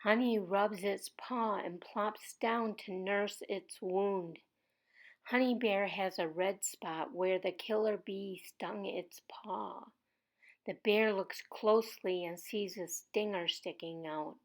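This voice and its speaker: Slow, soft-spoken woman reading a story. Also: mid-range voice, fairly even intonation. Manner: slow, soft, sometimes whispering. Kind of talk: reading a children's story aloud.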